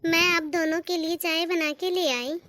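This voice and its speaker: A woman's voice: very high voice, steady tone, moderate pace. A woman voicing a patient, respectful elder daughter-in-law in a cartoon. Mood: gentle. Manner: gentle, dutiful, respectful. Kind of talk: cartoon voice acting.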